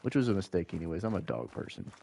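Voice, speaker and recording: A deep-voiced man with a gravelly edge and a faint Southern accent. He chats in a loose, rambling way with his viewers as he plays, never in a rush to finish a thought. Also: very animated, rapid-fire, mellow. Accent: mild Southern US. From Georgia, US. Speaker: gaming streamer. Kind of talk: casual chat while gaming.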